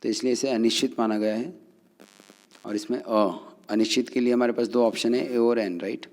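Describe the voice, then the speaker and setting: A man's voice: medium pitch, fairly even intonation, normal speed, darkish tone, long reverb tail. A man teaching English grammar to Hindi speakers, explaining step by step and often checking understanding.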